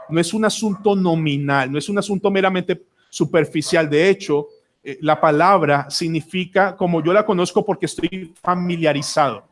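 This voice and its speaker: Colombian male pastor, fairly high voice, earnest church sermon. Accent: Colombian Spanish. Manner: earnest preaching with dramatic pauses and repetition. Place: church sanctuary.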